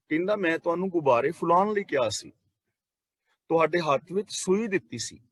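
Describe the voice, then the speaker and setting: A man explaining scripture as a preacher, reciting verses slowly and deliberately, then explaining them. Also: on the high side, breathy edge, no echo. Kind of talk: scripture exposition.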